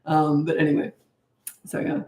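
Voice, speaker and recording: A middle-aged woman coaches parents on a casual livestream, offering blunt, practical advice with chatty asides as her voice turns slightly hoarse. She speaks at normal speed in a low, sing-song voice with a darkish tone, and the sound is reverberant.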